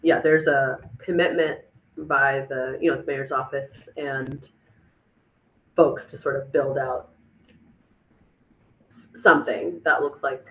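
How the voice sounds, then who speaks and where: A woman's voice: extremely low pitch, steady tone, takes it slowly, pauses often, a bit bright, rough recording. A woman answering audience questions at a tech meetup, casual and chatty with many fillers and restarts. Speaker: speaker on a city dashboard, chief of staff.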